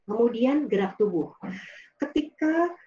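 A woman giving a calm, explanatory online talk to a medical team, acting out sample phrases and using many fillers. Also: a little high, a little slow, muffled recording, slight background noise. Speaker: speaker addressing a medical team. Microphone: video call.

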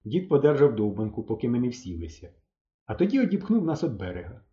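A man reading a children's audiobook aloud with lively storytelling. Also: mid-range voice, fast, reverberant, dull audio. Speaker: audiobook narrator.

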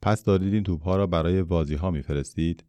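A man voicing a gentle, curious boy in a storybook reading, speaking in an earnest, questioning way. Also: deep voice, no room sound, lightly acted. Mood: indignant.

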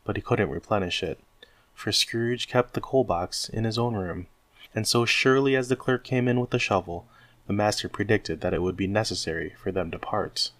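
A man reading a classic story aloud as narrator, measured and expressive. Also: fairly low pitch, dry recording. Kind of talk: scripted narration.

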